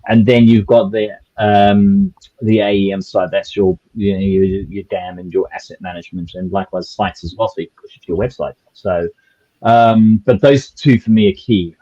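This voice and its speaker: A man's voice: lowish voice, steady tone, normal speed, mellow, highs cut off. A man with a South African accent speaking on a webinar panel, rambling with many restarts and fillers. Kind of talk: conversational webinar discussion.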